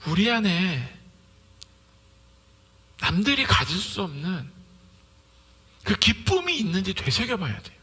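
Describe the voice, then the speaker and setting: Animated, bright-voiced male preacher. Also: sits high, measured pace, long pauses. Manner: lively preaching, acting out conversations. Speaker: pastor. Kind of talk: sermon.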